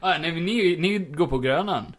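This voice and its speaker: A man acting as game master, narrating the scene in a relaxed, matter-of-fact way and laughing along. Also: a little high.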